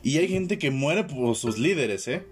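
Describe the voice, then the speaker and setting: A man's voice: on the high side, animated, measured pace. A man in a casual film discussion, reflecting on the wider meaning of what they watched. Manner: reflective, draws broader lessons.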